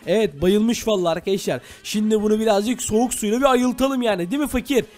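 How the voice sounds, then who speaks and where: A man's voice: sits high, fast talker, darkish tone, faint music behind. A male YouTuber in a Minecraft role-play who chats and keeps addressing his viewers.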